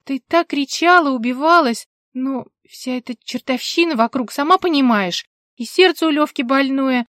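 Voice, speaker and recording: A woman voicing a loud, blunt, earthy actress who talks bluntly and at length, in an audiobook reading. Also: high-pitched, normal speed, no echo, clean studio sound, voice pushed up. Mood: chatty.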